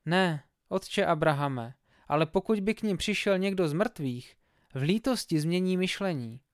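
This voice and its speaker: A man's voice: high voice, animated, clear, resonant tone, no room sound, studio quality, voice pushed up. A man voicing a tormented rich man who begs from the flames in a strained, pleading voice, in a Bible story reading.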